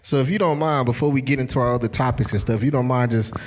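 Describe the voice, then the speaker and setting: A man's voice: mid-range voice, rapid-fire. A man hosting a casual podcast from a studio room, laid-back and joking, often dropping "man" into his sentences. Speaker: podcast host.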